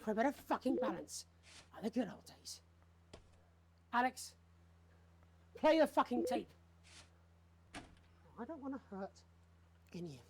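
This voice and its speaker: An actor playing a bitter, unhinged TV news anchor in a video game, with a British accent and a commanding, theatrical, sardonic manner. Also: male voice, very high-pitched, animated, unhurried, pauses often, heavily acted. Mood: menacing command. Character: unhinged, bitter male TV news anchor holding studio hostage. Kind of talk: dramatic live-broadcast acting.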